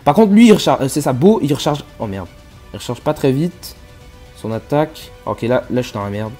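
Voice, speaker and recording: Male gamer commentating live; cusses a lot, mutters then yells, middle pitch, soft music underneath. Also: fairly quick. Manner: excitable, swears often, swings from low muttering to loud yelling. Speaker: gaming YouTuber.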